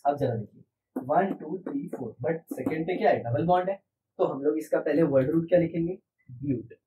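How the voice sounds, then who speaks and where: Man explaining chemistry slowly, keeps asking the class questions, mic far off with a bit of hiss. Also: a little high, narrow, tinny audio. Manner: patient, repetitive, asks rhetorical questions. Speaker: chemistry teacher. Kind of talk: classroom lecture.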